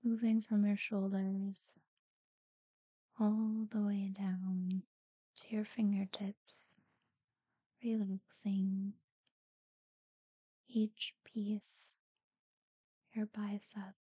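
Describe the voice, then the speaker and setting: A woman guiding a sleep meditation in a soft, breathy near-whisper, soothing and unhurried, with long pauses between short phrases. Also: medium pitch, little pitch movement, no echo, dull audio. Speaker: guided relaxation narrator. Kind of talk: guided sleep meditation talkdown.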